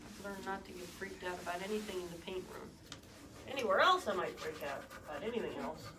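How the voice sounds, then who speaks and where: A woman's voice: medium pitch, quick pace. A woman co-hosting a painting demo, bantering in an easygoing way. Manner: easygoing, laughs along. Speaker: co-host. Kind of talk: casual banter. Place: paint room. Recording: distant mic, clear background noise.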